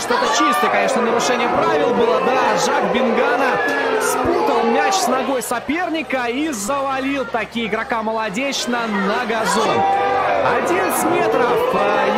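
A man giving live football commentary, describing the play and the replays. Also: very high voice. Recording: loud stadium crowd and outdoor noise. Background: football crowd and stadium ambience.

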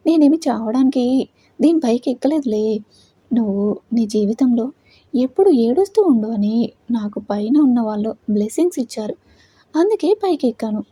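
A woman's voice: on the high side, warm tone, slightly rough, no room sound. A woman voicing a heartbroken young woman who talks bitterly while laughing through her tears, in a storybook reading.

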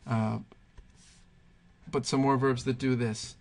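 A man's voice: medium pitch, little pitch movement, slow pace, a little mellow. A man teaching Spanish verb conjugations, patiently thinking aloud and pointing things out as he writes. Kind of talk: explaining grammar at a whiteboard.

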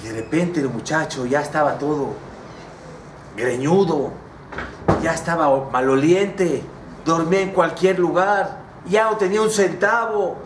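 A man with a Mexican Spanish accent, a rabbi telling a story in a sermon in a dramatic, animated way. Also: fairly high pitch, a little slow, distant mic, background noise. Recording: echoey room with faint ambience.

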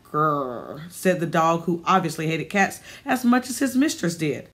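A woman with a fairly low voice narrates an audiobook, her storytelling calm and even. She reads steadily, letting the scene unfold without hurry. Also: normal speed. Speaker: audiobook reader.

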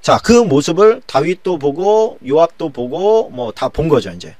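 A man's voice: a little high, big pitch swings, measured pace, darkish tone, no room sound. A male pastor teaching a Bible study lecture in a colloquial way, full of rhetorical questions.

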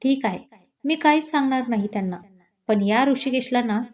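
A woman's voice: on the high side, expressive, normal speed, close to an everyday voice. A woman voicing a teasing, outspoken young woman who is a loyal friend, in a storybook reading. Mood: pleading. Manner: playful then indignant.

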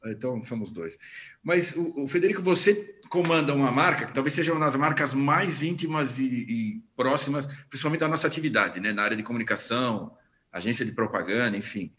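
A man's voice: mid-range voice, lively intonation, brisk, pushed and bright. A man moderating a panel on a video call, chatty and jovial with his guests.

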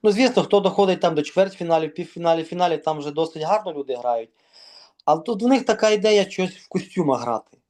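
A man from Ukraine, a volleyball organizer, talking casually in an interview and pausing often with fillers and restarts. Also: fairly high pitch, animated, darkish tone. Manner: hesitant, many fillers and restarts.

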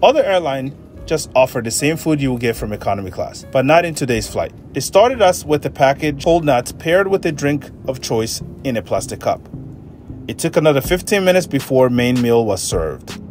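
A man in his thirties reviewing a flight in a measured, matter-of-fact way, filmed on a phone in an airplane cabin. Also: medium pitch, expressive, a little mellow, soft background music. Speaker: travel vlogger. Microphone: phone held at arm's length.

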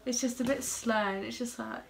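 A woman's voice: fairly high pitch, steady tone, brisk, gravelly. A young woman hosting a casual reaction video in her bedroom, chatty and giggly, with music playing behind. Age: young adult. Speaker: vlogger host. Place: bedroom, indoors.

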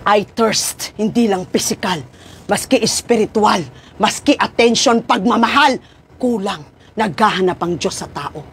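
A woman preaching a sermon with passion, swinging from loud cries to low, hushed tones. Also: measured pace, husky.

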